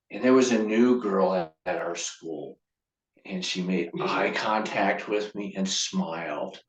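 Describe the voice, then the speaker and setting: A man giving a humorous prepared storytelling speech to a club, with a deliberate delivery and dramatic pauses. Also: fairly low pitch. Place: meeting room. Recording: roomy echo, from far off.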